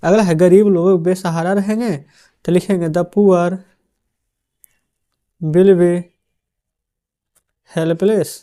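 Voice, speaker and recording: The voice is a man's, sitting high with a warm tone. Teaching a translation lesson, he spells out the answers word by word, checks in with his audience often, and speaks to them as friends.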